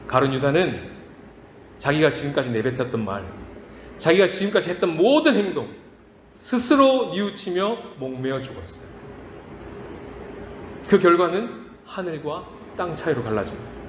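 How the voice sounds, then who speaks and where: A man preaches in a church sanctuary, his voice riding high and swinging widely between quiet, drawn-out lines and loud, emphatic bursts. The hall answers with a long, roomy echo, and a faint hum of ambience sits underneath. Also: lively intonation. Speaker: pastor. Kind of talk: sermon.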